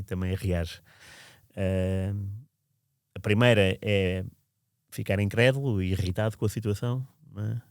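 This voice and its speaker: A man's voice: lowish voice, darkish tone, no echo, studio quality. A man who recalls events in a casual, reflective, meandering way, often restarting his sentences. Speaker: podcast storyteller. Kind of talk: casual spoken recollection.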